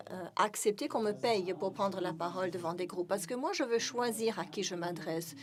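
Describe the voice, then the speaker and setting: A woman giving live interpretation of a speech, with frequent hesitations and self-corrections. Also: mid-range voice. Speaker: simultaneous interpreter.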